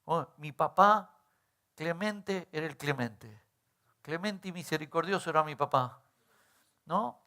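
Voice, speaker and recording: Gravelly-voiced pastor preaching. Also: male voice, on the high side, expressive, unhurried, long pauses, bright, forceful tone. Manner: conversational preaching with frequent rhetorical questions. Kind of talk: sermon.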